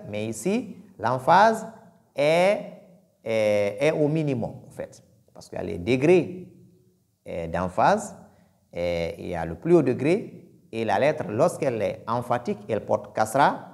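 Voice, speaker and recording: A man teaching Quran pronunciation, speaking deliberately and repeating each sound to demonstrate it. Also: mid-range voice, sing-song, a little mellow. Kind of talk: pronunciation lesson.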